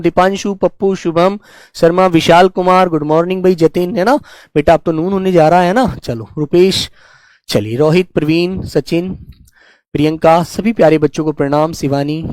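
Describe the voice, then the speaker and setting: A man's voice: sits high, dry recording. A man teaching an online spelling lesson to exam students, talking in a coaxing, repetitive teacherly way.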